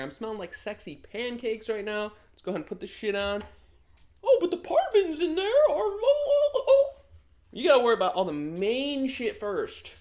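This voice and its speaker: A man in his thirties talking in a casual vlog, brash and motivational, swearing freely. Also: fairly high pitch. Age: 30s. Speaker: vlogger.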